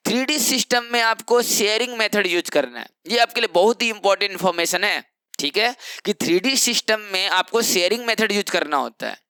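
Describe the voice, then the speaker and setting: A man's voice: high voice, bright, forceful tone, clean tone, dry recording. A young man teaching chemistry in an exam-prep lecture, explaining step by step and asking rhetorical questions that he answers himself.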